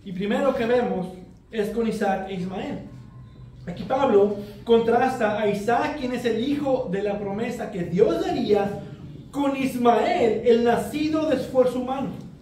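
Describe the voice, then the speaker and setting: Male pastor, high mellow voice, earnest measured sermon, recorded from afar in a very echoey hall. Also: far from the mic, a little hiss or hum. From Mexico. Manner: expository preaching, measured and earnest.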